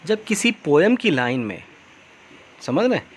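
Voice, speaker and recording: A man's voice: fairly high pitch, very animated, measured pace, slightly rough. A male school teacher with an Indian English accent, explaining grammar patiently and repeating key words. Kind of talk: recorded grammar lesson over slides.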